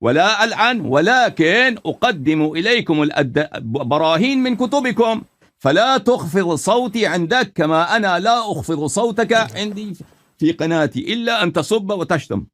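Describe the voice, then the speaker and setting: A man's voice: high-pitched, lively intonation, moderate pace, fairly bright tone. A man debating in formal speech, insistent and repeatedly cutting in to claim his turn. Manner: insistent, interrupting, formal phrasing. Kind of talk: heated online debate.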